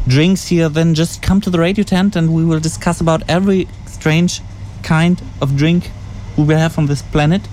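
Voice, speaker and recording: A male radio host with a slightly high voice talks casually on location. His phrasing is halting and non-native, and clear noise sits behind him. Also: steady tone, darkish tone. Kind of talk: casual on-site radio interview. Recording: clearly noisy camp background.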